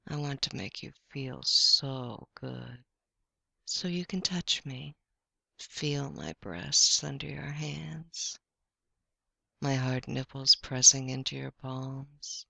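A young woman speaking in a slow, teasing, intimate way, her voice crackling with deep vocal fry. Her tone is bright and forward despite the hush, and she slips into soft whispers at times. The recording is dry and close, with no room around it. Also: dry recording.

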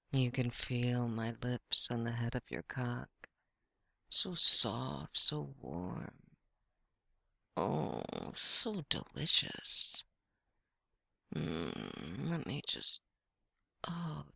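A young woman speaking in a slow, teasing, intimate way, her voice crackling with deep vocal fry. Her tone is bright and forward despite the hush, and she slips into soft whispers at times. The recording is dry and close, with no room around it. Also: no room sound.

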